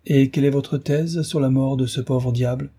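A man's voice: mid-range voice, steady tone, normal speed, warm tone, husky, voice pushed up. A man reading an audiobook aloud, voicing a wary male naturalist who asks probing, overly polite questions. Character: smooth, wary male naturalist hiding alarm.

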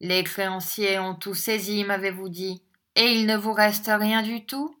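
A woman's voice: mid-range voice, a little slow, bright, forceful tone. A woman voicing a stern, scornful old miser uncle who talks in a curt, impatient way, in an audiobook reading.

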